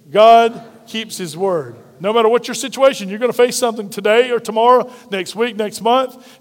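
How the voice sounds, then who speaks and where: A man with a notably high voice delivers an emphatic sermon from the front of a church. His lines ring out with a long reverb from the sanctuary. He repeats key phrases and asks the congregation to say them back. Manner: emphatic, repetitive preaching with call-and-response. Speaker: pastor. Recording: reverberant hall.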